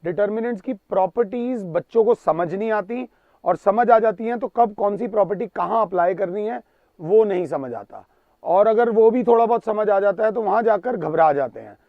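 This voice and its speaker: A man teaching a maths lesson, emphatic and pleading, reading out numbers slowly. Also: high-pitched, lively intonation, no room sound. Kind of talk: classroom lecture. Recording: tinny narrow-band sound, dry.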